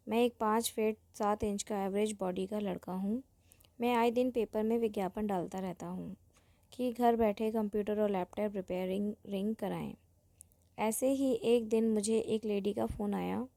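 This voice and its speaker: A woman's voice: mid-range voice, gravelly, mellow, no echo. A woman narrating a story in the first person, in a plain conversational storytelling way.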